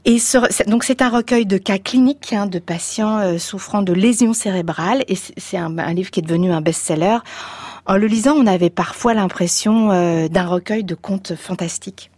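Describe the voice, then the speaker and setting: A woman hosting a radio interview, chatty and relaxed, with fillers. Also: mid-range voice, moderate pace, dry recording. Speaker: radio host.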